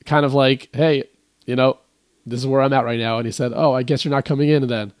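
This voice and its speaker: A young American musician, a native English speaker, appears as a podcast guest and tells a story casually, rambling, restarting often, and acting out what other people said. His mid-range voice is brisk, recorded at studio quality with no echo.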